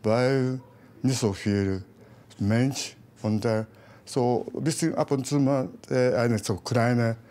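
A man with a Japanese accent, a native Japanese speaker, answering an interview haltingly while searching for words. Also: mid-range voice, fairly even intonation, dark tone, slight background noise. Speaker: shop owner.

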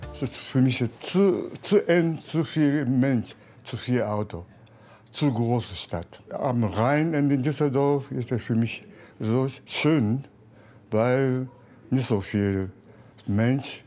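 A shop owner with a Japanese accent and Japanese as his first language, speaking in halting, simple phrases. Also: medium pitch, darkish tone.

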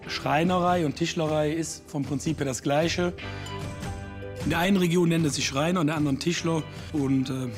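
A man in his thirties, a master carpenter, speaking casually in an interview, hesitant with lots of fillers. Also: on the high side. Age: 30s.

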